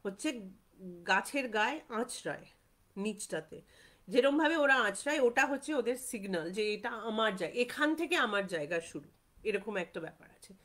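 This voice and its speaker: A woman telling a jungle ghost story in a loose, unscripted way, slipping English phrases into her talk and pausing often to find her words. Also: a little high, fairly bright tone. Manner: unscripted, mixes in English phrases, many fillers and repetitions. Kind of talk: casual spoken storytelling.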